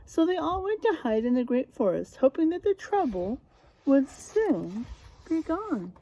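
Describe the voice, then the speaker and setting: A high-pitched woman reads a picture book to children at a measured pace, animated like a teacher, prompting them with questions and dramatizing key words. The recording quality is rough.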